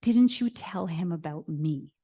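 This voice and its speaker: A furious young wife, indignant and accusing, hurls her demands at the servant who let her husband go. The voice sits low and mellow, as a woman lecturer puts her on mid-story. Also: expressive, unhurried, slightly rough, heavily acted.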